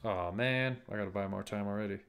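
A man's voice: fairly low pitch, brisk, fairly bright tone. A man, a game developer chatting playfully while streaming himself playing. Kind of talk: casual chat while gaming.

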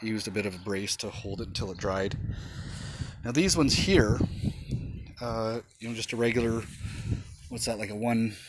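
A vlogger films himself on a handheld phone outdoors, casually showing off the gym equipment he built in his backyard. He speaks in a lowish voice at a moderate pace with long pauses, and the recording is very noisy. His talk rambles, packed with fillers, and he curses now and then when straining.

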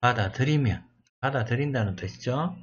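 A man teaching through Bible exam questions, reading English verses slowly and explaining them in his own words, thinking aloud as he goes. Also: mid-range voice, highs cut off. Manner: slow, deliberate reading of English verses with Korean glosses; thinks aloud and corrects himself. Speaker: exam prep lecturer.

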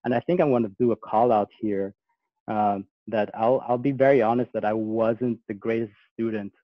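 Speaking at a moderate pace with a fairly low pitch and fairly even intonation, a guest speaker born in Austria gives a casual video-call talk. He hesitates, using many fillers and restarts, over muffled, dry audio without echo.

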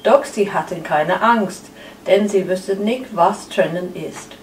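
A woman narrates a tale aloud at a very unhurried, deliberate pace. The room's echo hangs around her words, captured from a distance with a faint hiss underneath. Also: medium pitch. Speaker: second story reader. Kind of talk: live storytelling reading. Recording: echoey room, far from the mic.

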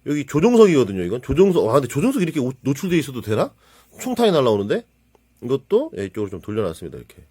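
Excitable husky man narrating a model build. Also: medium pitch, very fast. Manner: excitable, exclaims and mutters while handling parts. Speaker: model kit builder reviewing his build. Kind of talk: casual hands-on hobby narration.

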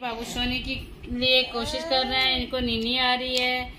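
High-pitched cooing woman vlogger. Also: monotone, unhurried, a crowd in the background, low-quality recording. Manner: coos in playful baby talk to the infant. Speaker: family vlogger filming her baby. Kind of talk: casual home vlog narration.

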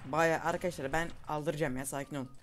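Young man, gameplay commentary, excitable, faint game noise. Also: a little high, quick pace. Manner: excitable, calls out moves to viewers. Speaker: gaming YouTuber.

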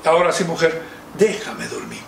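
A man's voice: fairly high pitch, wildly swooping pitch, moderate pace, creaky, slight background noise, heavily acted. A man voicing a grumpy, sleepy dragon who whines about being woken, told as a children's story. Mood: irritated. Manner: whiny, exasperated complaining. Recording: roomy, distant mic.

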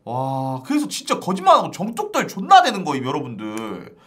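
A man's voice: fairly high pitch, wildly swooping pitch, brisk, fairly bright tone. A male streamer ranting to his viewers in casual live-stream chat, exasperated and starting lines over and over. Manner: exasperated, ranting, repeats "아니" constantly.

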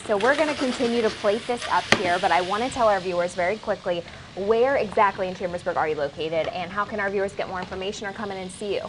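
A woman's voice: mid-range voice, background noise. Upbeat young woman hosting a TV segment. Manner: upbeat, leads with quick questions. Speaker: TV morning show host. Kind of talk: live TV interview. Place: studio kitchen set, indoors. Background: faint sizzling of frying food.

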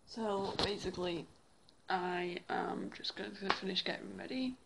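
A young English woman vlogs to a phone camera held at arm's length, chatting casually and rambling with plenty of fillers. She starts in her bedroom and then moves elsewhere indoors at home. Her voice is medium-pitched, gravelly and measured, set against a noisy background.

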